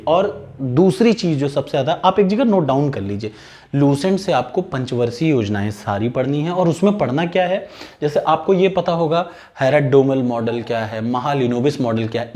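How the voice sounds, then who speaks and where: A man coaching students for an exam, speaking with a fairly high voice. He gives direct, instructive advice and repeats the key points to drive them home. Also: a little mellow. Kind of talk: exam-prep lesson straight to camera.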